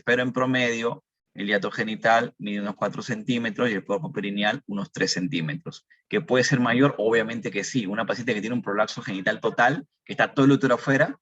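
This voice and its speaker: A man delivers a medical lecture, his voice sitting low. He poses questions to his students and answers them himself, repeating the figures. The recording sounds dull and dry, with no room echo. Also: a bit bright. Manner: explanatory, repeats key numbers, asks and answers own questions.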